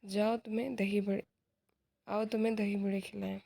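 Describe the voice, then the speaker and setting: A woman's voice: mid-range voice, little pitch movement, moderate pace, gravelly, dark tone. A woman reading aloud the part of a cheerful, indulgent young uncle in a play. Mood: teasing.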